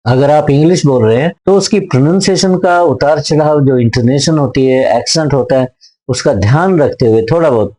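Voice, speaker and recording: Man teaching slowly, mellow voice. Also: on the high side, low-quality recording. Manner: reads each English tip slowly, then explains it in Hindi; repeats points in several words. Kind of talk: lecture on speaking skills.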